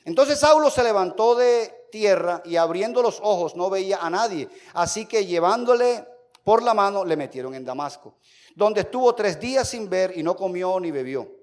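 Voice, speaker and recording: A man preaching a Bible-school sermon, reading scripture aloud and explaining it with lively asides. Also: high voice, moderate pace. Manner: animated, swings between loud emphasis and soft muttering. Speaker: pastor.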